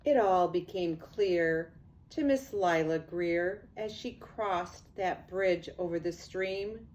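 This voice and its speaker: A grandmother in her 60s or older reads a picture book aloud to young children in a fairly low voice. Her reading is expressive and unhurried, with casual asides.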